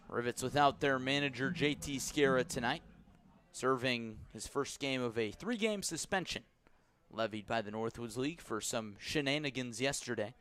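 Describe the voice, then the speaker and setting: With a fairly bright tone, an American-accented male announcer handles live radio baseball play-by-play. He sounds composed between pitches and gets louder and higher on the big moments.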